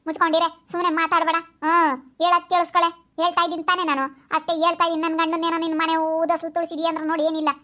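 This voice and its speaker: A woman's voice: very high-pitched, bright, forceful tone, dull audio. A woman playing a jealous village wife who scolds and threatens in a skit. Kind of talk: skit acting.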